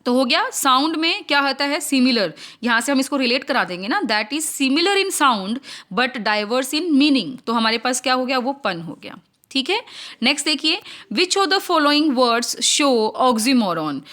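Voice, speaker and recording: An Indian woman teaches literature terms for an exam, and her voice sits high. She keeps asking her class a question and then answering it herself. She slows right down when she reads the English lines aloud. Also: very animated, a bit bright. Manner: explains in mixed Hindi and English, asks and answers her own questions. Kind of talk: exam-prep literature lesson.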